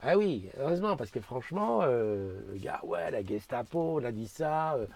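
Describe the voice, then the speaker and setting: A man's voice: medium pitch, very animated, normal speed, gravelly, darkish tone. A man hosts a casual live morning stream, rambling and restarting as he greets viewers and reads their comments. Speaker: host of a live community morning show.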